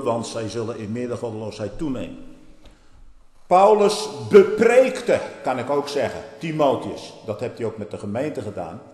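A man preaching a church sermon, stressing key phrases by repeating them and swelling to loud exhortations before dropping low again. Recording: echoey church hall with long reverb.

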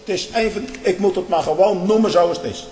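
A man preaching in an impassioned, emphatic way, jumping from loud outbursts to low, muttered asides. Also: a little fast, slight background noise. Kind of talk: impassioned sermon-style monologue. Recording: echoey hall with long reverb.

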